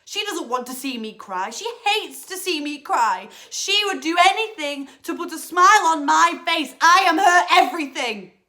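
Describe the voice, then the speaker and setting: Speaking a little slowly and pausing often, this young English actress has a medium-pitched, fairly bright voice. She is performing a theatrical monologue as a self-absorbed, talkative young woman who has just left home, full of dramatic swings.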